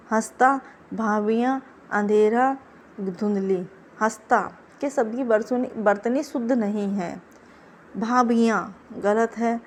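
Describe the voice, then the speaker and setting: A woman teaching an exam prep class, quizzing her students and repeating the answers in a brisk, coaching way. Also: a little high, darkish tone, slight background noise.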